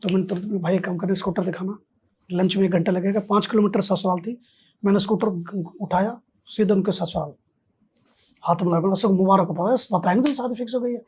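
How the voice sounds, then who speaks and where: A man's voice: sits high, steady tone, brisk, darkish tone, husky. A man, a podcast guest, telling a story in casual conversation and acting out both sides of the dialogue.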